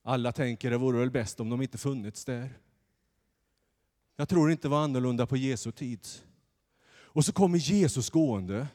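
A man preaching a lively sermon from the pulpit in a church, acting out the story as he goes. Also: medium pitch, pauses often. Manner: animated, acts out the story's voices. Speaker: pastor. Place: church sanctuary. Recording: long church reverb.

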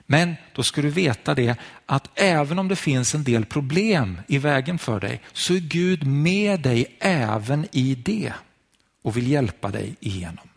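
Husky male preacher telling a Bible story. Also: medium pitch, expressive. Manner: storytelling, addresses listener directly. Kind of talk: sermon to viewers at home.

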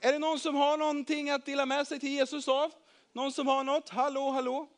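Brief: bossy know-it-all disciple, voiced by a man, matter-of-fact, high, children's story. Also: lively intonation. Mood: impatient. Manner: matter-of-fact, slightly impatient. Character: Andreas, eager bossy male disciple.

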